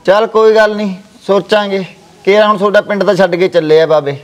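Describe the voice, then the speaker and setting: A man's voice: sits high, steady tone, fairly quick, natural voice. A man playing a sly, fraudulent village holy man who soothes and placates everyone, speaking with a Malwai Punjabi accent. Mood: reassuring. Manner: soothing, placating, calls others child. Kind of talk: village family drama acting.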